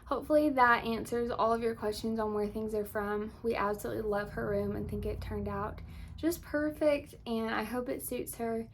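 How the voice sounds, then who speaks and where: Young female vlogger, higher voice, chatty home-tour delivery, slightly winded, faint hiss behind. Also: fairly even intonation, normal speed. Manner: chatty, descriptive, uses "little" often. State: out of breath. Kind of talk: casual home tour vlog. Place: home nursery room.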